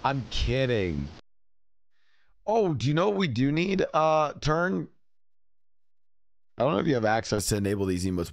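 A man's voice: mid-range voice, dry recording, studio quality. A young man streaming, reacting to clips and bantering with chat in a joking, profane way.

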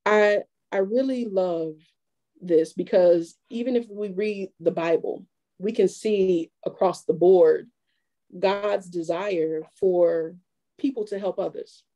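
A woman preaching a sermon at a church women's fellowship, lively and conversational, drawing call-and-response from the congregation. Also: lowish voice, takes it slowly, low-quality recording.

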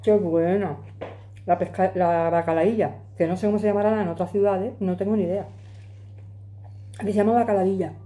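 In her home kitchen, a Madrid, Spain woman in her forties eats while chatting casually to a phone camera placed on the table. Her medium-pitched voice is mellow and steady, at normal speed with frequent pauses. She talks with her hands in a chatty, emphatic way.

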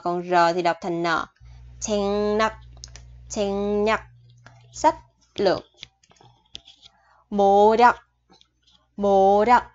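A woman teaching a vocabulary lesson, repeating each word slowly and then explaining it in a chatty way. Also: medium pitch. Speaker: Korean language teacher. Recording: dull lo-fi recording.

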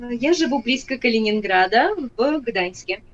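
A woman in her twenties from Poland with a Polish accent, chatting calmly over a video call from her kitchen. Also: fairly high pitch, normal speed. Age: 20s. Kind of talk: casual video chat. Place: home kitchen. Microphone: webcam video call. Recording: dull lo-fi webcam sound.

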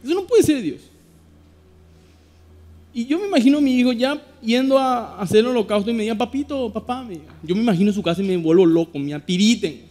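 High-voiced Paraguayan pastor preaching in an echoing church. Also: male voice, lively intonation, fast, mellow. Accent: Paraguayan Spanish. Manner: emphatic preaching, reads scripture aloud and addresses the congregation. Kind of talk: sermon. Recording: long hall reverb with faint guitar music.

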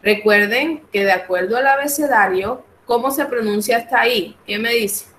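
A Colombian woman with a Colombian Spanish accent, teaching an English class online and slowly modeling each English phrase. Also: a little high, a bit bright, roomy sound, a little hiss or hum, rough recording.

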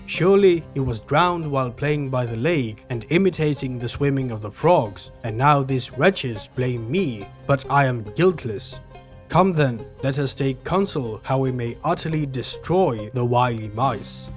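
A deceitful frog king from an old storybook epic, speaking in grand, formal recitation as a man reads him aloud. His voice sits at an ordinary middle pitch, with soft music in the background. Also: expressive, measured pace, lightly acted.

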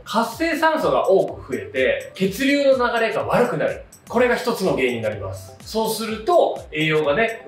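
Man in his thirties, hairdresser explainer, high animated voice, roomy sound from a distance. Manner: explanatory, frequent fillers, rising lively delivery. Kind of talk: explainer video to camera. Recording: roomy, slightly distant with soft music.

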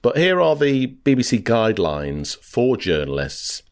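A man's voice: medium pitch, very animated, unhurried. A middle-aged man from the UK, a former reporter hosting a podcast, telling a story in a conversational way with frequent fillers. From United Kingdom. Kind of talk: storytelling monologue.

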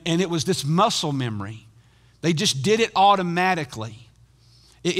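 High-voiced pastor preaching. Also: male voice, big-room sound. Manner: dynamic, swings between loud emphatic bursts and hushed intensity. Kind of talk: sermon.

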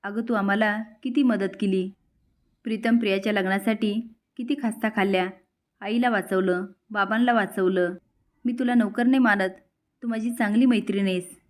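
A woman voicing a gentle young man who runs a company and talks in an earnest, coaxing way. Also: medium pitch, steady tone, normal speed, lightly acted. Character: gentle young male company head, pleading.

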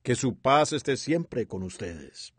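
A man reads a sermon dub with a lively, expressive delivery. His pitch moves a lot, and the voice is a bit breathy. The sound is dry and close. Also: takes it slowly, no echo. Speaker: sermon interpreter. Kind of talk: dubbed voice-over of a sermon.

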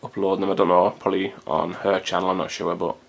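A deep-voiced man in his thirties talks to a home camcorder, loose and rambling. His voice sits low with a gravelly fry running through it, and he swears now and then in an easy, everyday way. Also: level tone, quick pace. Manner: rambling, chatty, swears casually. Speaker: vlogger. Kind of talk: casual chat to camera. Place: hot room at home. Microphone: camcorder built-in mic.

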